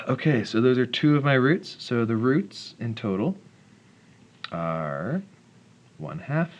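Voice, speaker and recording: A man teaches math by talking himself through a worked solution, mumbling his calculations and slipping in wry, self-deprecating jokes. His medium-pitched voice is animated but slow, with frequent pauses.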